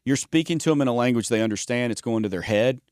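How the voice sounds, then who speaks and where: Speaking fast in a smooth, slightly mellow medium-pitched voice, this man co-hosts a sales podcast and also works as a sales trainer. His casual chat is folksy and jokey, with frequent trail-offs and restarted words. The sound is studio quality, free of echo.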